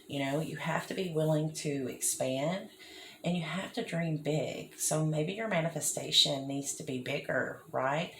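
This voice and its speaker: A woman's voice: deep voice, measured pace, fairly bright tone, slight background noise. A woman giving a casual tarot reading, chatty and often checking in with the listener. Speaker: tarot reader. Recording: echoey room.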